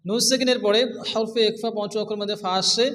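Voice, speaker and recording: A man teaching Quran recitation, switching between slow melodic chanting of verses and rapid-fire explanations of the reading rules. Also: high-pitched, flat delivery, fairly bright tone, long reverb tail, rough recording.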